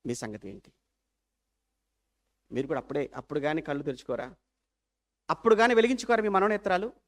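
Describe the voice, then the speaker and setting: High-voiced, fast-talking Telugu preacher. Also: male voice. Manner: animated preaching, rhetorical questions, swings from loud to hushed. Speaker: pastor. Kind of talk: sermon.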